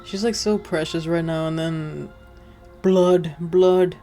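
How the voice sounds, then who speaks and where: A woman's voice: low voice, moderate pace, darkish tone. A young woman doing casual, slangy let's-play commentary, chatting back at the game as she goes. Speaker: gaming video host. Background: faint game music.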